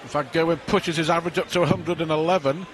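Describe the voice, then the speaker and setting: A man's voice: a little high, steady tone, quick pace, crowd noise. A man giving live darts commentary as the lead commentator. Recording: loud background arena noise. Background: noisy darts arena.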